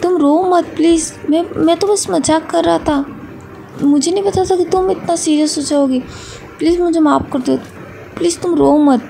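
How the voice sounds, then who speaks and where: A woman doing a teasing young college guy, sulky one moment and pleading the next. The voice sits high with a gravelly edge and a dark, mellow tone. It is read for a fan storybook. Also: moderate pace. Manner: pleading, then sulky and coaxing.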